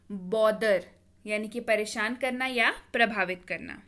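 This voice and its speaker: Woman teacher, slightly high voice, slow deliberate drilling of word meanings. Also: fairly bright tone. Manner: patient, drills each word twice, corrects pronunciation. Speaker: English teacher. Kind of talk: vocabulary lesson, word then meaning, repeated slowly.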